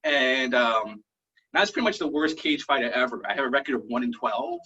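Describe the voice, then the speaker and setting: A man doing a halting, rambling stand-up set over a video call, full of fillers. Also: medium pitch, sing-song, bright, forceful tone, slightly rough, muffled recording. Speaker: stand-up comedian.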